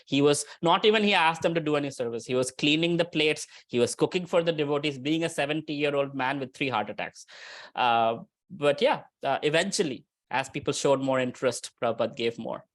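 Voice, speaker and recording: Spiritual teacher for an informal religious talk; conversational, mid-pitched voice, keeps checking in with listeners. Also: a little fast. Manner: conversational, often checks in with "right?". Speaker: spiritual teacher leading a scripture discussion. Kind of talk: informal religious lecture, answering questions.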